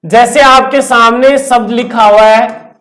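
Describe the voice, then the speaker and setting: Slow, patient male grammar teacher. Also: extremely high pitch, steady tone, a bit bright. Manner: slow, step-by-step, repetitive explaining with questions to the class. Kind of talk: classroom lecture at a board. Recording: echoey room.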